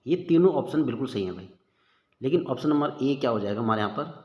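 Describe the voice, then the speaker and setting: A man's voice: mid-range voice, expressive, quick pace, a little mellow. A man teaching a casual exam-prep lesson, chatty and informal, calling listeners "bhai" and thinking aloud as he works through the questions. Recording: echoey room with long reverb, dull lo-fi sound.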